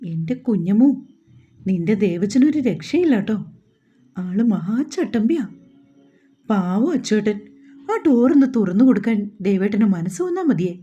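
Narrator as a gentle teasing young wife, mellow and husky, in a dull recording. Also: female voice, mid-range voice, very animated, moderate pace, long pauses.

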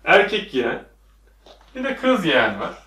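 Using huge pitch swings at a moderate pace, a man with a fairly high, pushed, bright voice teaches English at a whiteboard. He quizzes viewers with repeated questions, and the classroom recording is echoey, catching his voice from afar.

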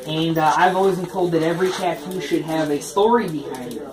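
A man's voice: a little high, fairly quick, a crowd in the background. A young man chatting casually with his family in a small bedroom, picked up by a handheld phone. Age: young adult. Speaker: grandson showing his first tattoo. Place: small bedroom indoors, family voices around. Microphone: distant handheld phone camera. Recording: roomy, distant home phone video, voices around.

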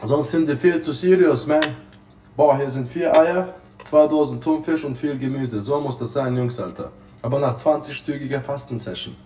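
A young man chats casually on a livestream, his medium-pitched voice warm and his pace moderate, gushing in exclamatory street slang sprinkled with English interjections. He's indoors in a small living room with a kitchen, and the phone propped a step away gives the audio a roomy, distant quality.

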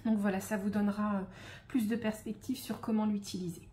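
A woman hosting a casual unboxing of craft supplies, speaking in a relaxed, hesitant way with frequent fillers and soft asides. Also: medium pitch, fairly quick, slight background noise. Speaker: scrapbooking shop host.

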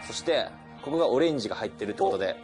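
A man's voice: medium pitch, animated, very fast, darkish tone, soft background music. A young man casually explaining things on a TV show, expressively and phrase by phrase.

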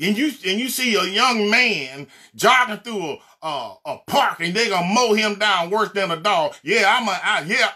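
Male evangelist, Mississippi Southern accent, tense and forceful tone, raised pitch, fiery and blunt delivery. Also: breathy edge. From Mississippi, USA. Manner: fiery, blunt, emphatic, repeating refrains. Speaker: evangelist minister. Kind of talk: impassioned social media sermon.

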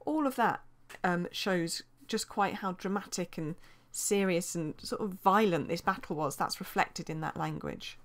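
A woman's voice: lowish voice, a little slow, few pauses. A woman teaching a revision lesson as a voice-over, explaining steadily and reading quotations aloud, with small restarts.

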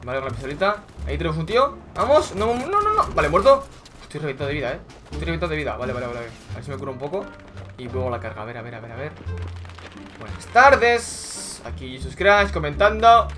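A young man giving excitable, swearing live commentary over his own gameplay, yelling when he scores. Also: fairly high pitch, racing. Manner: excitable, swearing, shouting at kills. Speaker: gaming YouTuber. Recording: music in background.

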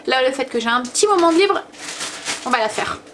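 A high-pitched woman talks casually to the camera as a family vlogger and mum. She rambles and hesitates as she goes, set in a home kitchen with a faint hiss behind her. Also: animated, fairly quick, fairly bright tone. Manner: rambling, chatty, full of hesitations.

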